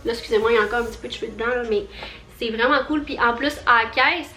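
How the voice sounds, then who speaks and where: A young vlogger from Quebec, speaking with a Quebec French accent, rambles through a casual haul vlog in a high, bubbly voice, racing and sprinkling in little fillers. The echoey room makes her voice ring a bit, with soft music playing quietly underneath.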